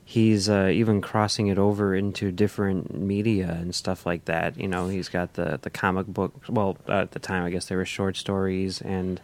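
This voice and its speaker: A man's voice: low voice, flat delivery, normal speed, hardly any pauses. A man co-hosting a casual podcast discussion, talking in a hesitant way with many restarts. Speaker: podcast co-host.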